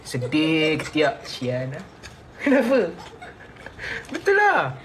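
A man's voice: a little high, huge pitch swings, slow pace, a bit bright, slight background noise. A man from Malaysia with a Malaysian Malay accent, chatting in a playful, exaggerated comic way and laughing often as he promotes a product. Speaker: celebrity endorser. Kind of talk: comedic sponsored chat.

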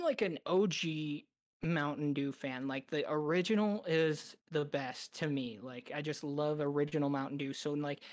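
A woman with a low voice chatting casually on a podcast, recorded close and dry. She talks in a relaxed, hesitant way, filling gaps with ums and likes. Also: no echo. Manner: relaxed, hesitant with many fillers. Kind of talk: casual chat.

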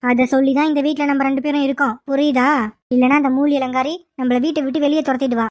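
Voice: sits high, little pitch movement, quick pace, no echo, clean studio sound, voice pushed down, lightly acted. A performer voicing an anxious, devoted young snake-woman heroine in a cartoon, worried and pleading. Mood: insistent. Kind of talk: cartoon voice acting.

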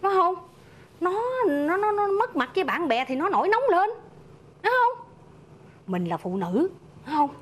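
A woman's voice: very high-pitched, very animated, moderate pace, long pauses. An actress playing a middle-aged village neighbor with a Southern Vietnamese accent, motherly and lecturing. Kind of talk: rural comedy film acting.

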